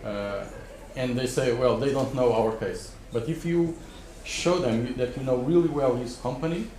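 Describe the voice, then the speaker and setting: A man's voice: medium pitch, darkish tone, roomy sound, slight background noise. A man on a panel giving spontaneous business advice, often restarting and repeating words, recorded by a distant mic in a wood-panelled conference room. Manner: halting, repeats words as he rethinks. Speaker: expert panelist advising startups.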